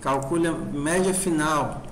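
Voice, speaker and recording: A man teaches a programming class with a slightly higher voice, spelling things out slowly and checking in with the students as he goes. The classroom sound is roomy, with a faint hiss behind him. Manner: informal, asks the class constant check questions. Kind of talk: classroom lecture.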